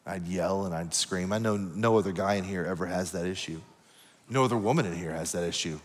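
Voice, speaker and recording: A man's voice: sits low, a little fast. A man preaching a sermon, telling a personal story in a conversational, confessional way with asides to the congregation. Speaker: pastor. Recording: long hall reverb.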